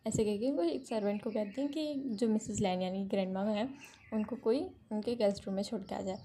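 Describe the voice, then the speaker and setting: A woman's voice: medium pitch, brisk, dark tone, slight background noise. A woman casually retelling a fan fiction story, chatty, often correcting herself mid-sentence. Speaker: narrator.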